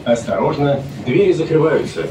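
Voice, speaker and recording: A man making formal, measured station announcements, played over a train loudspeaker. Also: fairly high pitch, expressive. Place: inside a moving metro train. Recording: echoey train loudspeaker heard from far off over loud rail noise.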